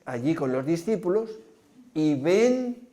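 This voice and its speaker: A man's voice: a little high, very animated, slow pace, warm tone. A man preaching a sermon, painting vivid scenes and asking his listeners rhetorical questions. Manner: vivid storyteller, asks the congregation rhetorical questions.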